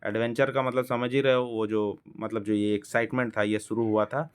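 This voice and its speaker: Brief: male Hindi tutor, reading lines slowly and glossing each one for kids. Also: little pitch movement, clean tone. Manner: reads English lines slowly, then explains in Hindi; acts out the characters' lines with a raised pitch. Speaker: teacher. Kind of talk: explaining a story line by line.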